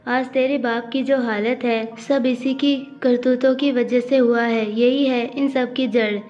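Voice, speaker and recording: A woman's voice: a little high, steady tone, unhurried, a little mellow, natural voice. A woman voicing a bitter, scolding stepmother who talks scornfully. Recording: dull audio with faint music.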